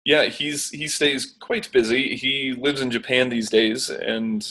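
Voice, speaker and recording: A man's voice: mid-range voice, fairly even intonation, slow pace, sharp tone. A man co-hosting a casual guitar podcast, telling stories in an easygoing way and laughing often. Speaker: podcast co-host. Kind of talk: casual chat.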